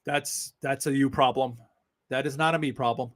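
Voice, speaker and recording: Speaking in a mid-range, steady voice at normal speed, this political livestream host from Brooklyn has a New York accent. His casual stream chat is blunt and sarcastic, full of swearing and frequent laughter.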